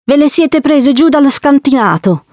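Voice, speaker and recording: A woman's voice: high-pitched, expressive, normal speed, a little mellow, dry recording, studio quality, voice pushed up. Reader doing a bold young girl, Lila. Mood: firm. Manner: firm, insistent.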